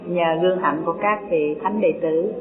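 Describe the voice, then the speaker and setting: A Buddhist dharma teacher gives an unhurried sermon, asking rhetorical questions and reading scripture aloud. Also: mid-range voice. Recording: echoey hall, tinny lo-fi line, faint music.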